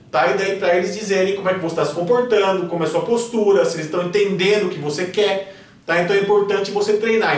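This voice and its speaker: A man's voice: sits high, far from the mic. Brazilian male lawyer, didactic tutor tone, recorded off-mic in a very reverberant room. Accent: Brazilian Portuguese. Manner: didactic, keeps checking in with short tags. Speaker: criminal defense lawyer. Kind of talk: spoken tutorial.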